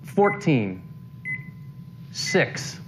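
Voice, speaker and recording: A man competing on a game show, giving short answers in a halting, deliberate way. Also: mid-range voice, very animated, noisy background. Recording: game show music behind. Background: music and game beeps.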